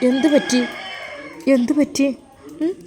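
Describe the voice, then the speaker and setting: Woman doing a caring sister-in-law, anxious, questioning, high voice. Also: fairly even intonation, slow. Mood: worried.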